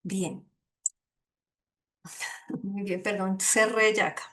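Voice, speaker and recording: A woman giving an online lecture as a course instructor, earnest and gently emphatic, often checking in with her listeners. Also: mid-range voice, level tone, drawn-out words.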